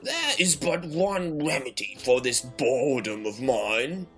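A pompous, omnipotent sorcerer laments his boredom in a theatrical story reading. The delivery is very slow and swings widely in pitch, pitched up from plain talk. Soft music plays behind. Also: sing-song. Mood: grandiose ennui. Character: bored, all-powerful male sorcerer, grandly weary.

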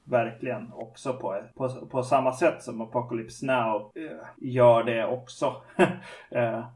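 A man's voice: mid-range voice, a little mellow, far from the mic, poor audio. A man co-hosting a podcast, casually talking through a film, with loose fillers and restarts. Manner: conversational, many fillers and restarts. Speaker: podcast co-host.

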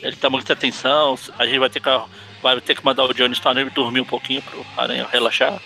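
A man's voice: flat delivery, vocal fry, sharp tone, soft background music, low-quality recording. A man co-hosting a casual comic book review podcast, joking and acting out character lines. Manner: jokey, acts out character lines in quick high voices. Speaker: podcast co-host.

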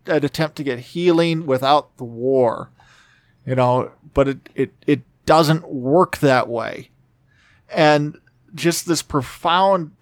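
A man's voice: medium pitch, no echo. A man hosting a podcast, reflecting earnestly and conversationally on faith, with many asides and restarts. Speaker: podcast host. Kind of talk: reflective religious commentary.

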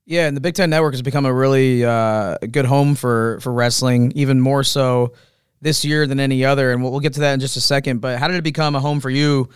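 A man hosting a sports podcast, with a very smooth, resonant voice at a middle pitch. He asks easygoing, loosely phrased questions, recorded close and dry. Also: fairly even intonation, brisk, dry recording. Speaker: podcast host. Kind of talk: interview questions.

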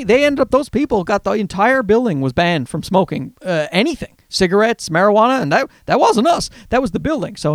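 A man with a Newfoundland Canadian accent, hosting a podcast as a casual, rambling comedic monologue with animated, exasperated storytelling. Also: sits high, dry recording. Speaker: podcast host.

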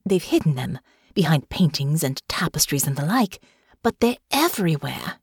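Woman narrator doing a snappish young woman, tart, hushed, dry close sound. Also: low-pitched, very animated, normal speed, slightly rough, no echo, exaggerated voice. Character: sharp-tongued young woman, blunt and impatient.

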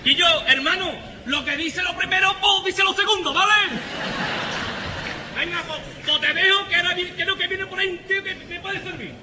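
An actor playing a bossy male workshop owner in a live comedy sketch, loud and insistent, often shouting. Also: extremely high pitch, moderate pace, long reverb tail, crowd noise, noisy background.

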